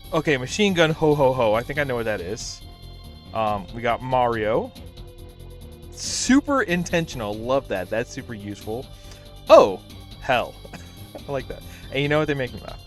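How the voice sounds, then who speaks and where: A tired man hosting a casual game stream from home, rambling with lots of fillers and sounding a bit out of breath. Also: fairly high pitch. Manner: rambling, self-deprecating, many fillers. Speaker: streamer host. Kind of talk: casual livestream chat.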